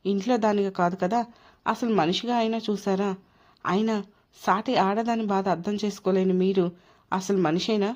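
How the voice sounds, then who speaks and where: A woman's voice: medium pitch, steady tone, normal speed, a little mellow, natural voice. A woman voicing a wronged young wife who is hurt, indignant and proud. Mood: angry, hurt. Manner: tearful, indignant. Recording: dull lo-fi recording.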